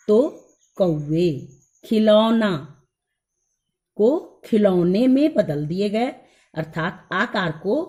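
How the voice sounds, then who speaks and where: A woman schoolteacher giving a grammar lesson to young children, slowly repeating each rule and example and speaking fondly to her pupils. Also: lowish voice, darkish tone. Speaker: school teacher.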